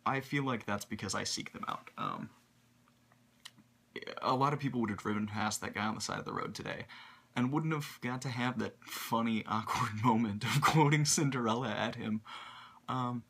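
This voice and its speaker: A man's voice: mid-range voice, creaky, fairly bright tone, husky. A young man talking through a casual vlog, telling stories in a rambling, long-winded way. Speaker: vlogger.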